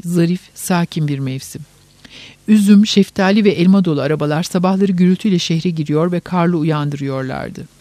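A man narrating an audiobook in a measured, even reading. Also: high-pitched, no room sound.

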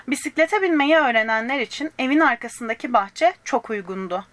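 With a high voice, a woman gently reads a children's storybook aloud, addressing young listeners directly and giving the characters little voices.

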